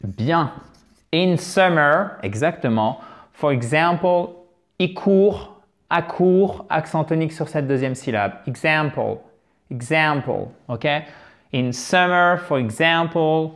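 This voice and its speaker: Slow, careful teacher man. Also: on the high side. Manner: explains slowly, repeats English words with careful stress. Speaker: English teacher. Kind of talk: video lesson.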